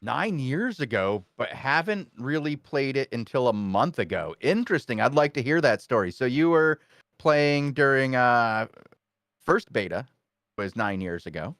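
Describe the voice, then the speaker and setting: Upbeat stuffy-nosed stream host, dry mic. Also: male voice, mid-range voice, very animated, a little slow, fairly bright tone, no room sound. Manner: upbeat, reads chat aloud and coaches teammates. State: stuffy nose. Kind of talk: casual live-stream chat.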